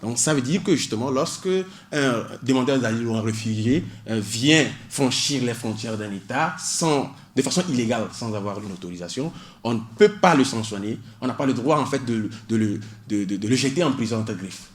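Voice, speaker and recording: This public law doctoral student speaks at a medium pitch, brisk and expressive with few pauses, while explaining asylum law on the radio. Even so, he's hesitant, full of fillers, and keeps citing legal articles.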